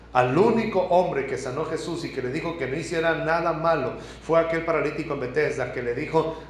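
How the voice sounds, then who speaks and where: Impassioned preacher in an echoey church. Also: male voice, fairly high pitch, a little hiss or hum. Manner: impassioned, swings from hushed to loud. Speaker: pastor. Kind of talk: sermon.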